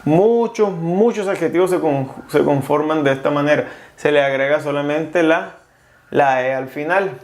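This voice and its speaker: A man's voice: fairly high pitch, normal speed, reverberant. A man teaching a casual video lesson, explaining grammar rules step by step and spelling out letters. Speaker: French teacher.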